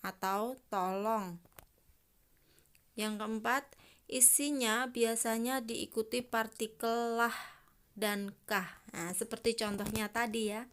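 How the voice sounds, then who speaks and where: A woman's voice: mid-range voice, fairly bright tone, clear, resonant tone. A woman teacher, patiently explaining a grammar lesson to young pupils and asking them questions.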